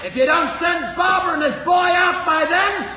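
Shouting, high-pitched menacing western gunman. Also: moderate pace, a faint crowd, full character voice. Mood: threatening. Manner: shouting threats. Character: menacing gunman besieging a cabin. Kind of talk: old-time radio western acting, shouted from outside. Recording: echoing, muffled, noisy old radio recording.

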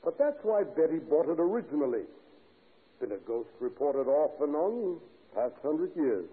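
Needling, animated ghost-believing professor. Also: male voice, on the high side, moderate pace, husky, narrow, tinny audio. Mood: droll teasing. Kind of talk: old-time radio drama acting. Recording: noisy, band-limited old radio recording.

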